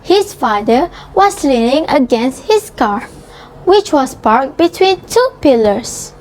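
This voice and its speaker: A woman reading a scripted children's story, phrasing each sentence deliberately and carefully. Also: high voice, sing-song, darkish tone, rough recording. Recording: faint background noise.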